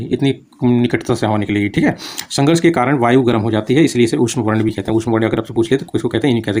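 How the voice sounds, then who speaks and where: Guy teaching grammar fast, keeps going "okay?" after everything, sounds out letters to show them. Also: mid-range voice, a little mellow. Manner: fillers like "okay?" and "meaning" after almost every phrase; sounds out consonants to demonstrate. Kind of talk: casual spoken lesson.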